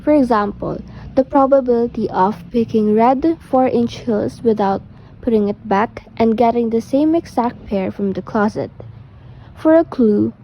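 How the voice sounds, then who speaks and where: A woman's voice: a little high, a little slow, highs cut off, a little hiss or hum. A woman reading scripted educational narration as an explainer.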